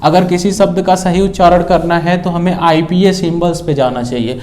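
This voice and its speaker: A man's voice: sits high, steady tone, moderate pace, darkish tone. A man teaching an English grammar lesson, explaining patiently and often checking in with the listener while writing on a board. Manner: mixes Hindi with English phrases.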